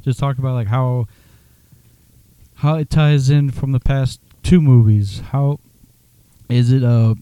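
A man's voice: mid-range voice, steady tone, takes it slowly, dark tone, clear, resonant tone, no room sound. A man co-hosting a podcast, talking bluntly and swearing freely while teasing his co-host. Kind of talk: casual chat.

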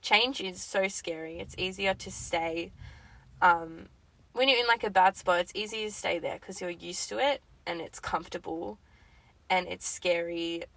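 A woman's voice: fairly low pitch, measured pace, creaky, fairly bright tone, rough recording. A woman co-hosting a casual advice chat, talking informally with slang and swearing. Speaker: podcast co-host.

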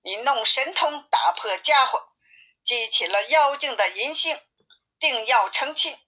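A woman's voice: fairly high pitch, unhurried, sharp tone. Woman reading a timid, reproachful male monk. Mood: scolding. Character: timid middle-aged male monk, scolding his disciple. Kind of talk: storytelling.

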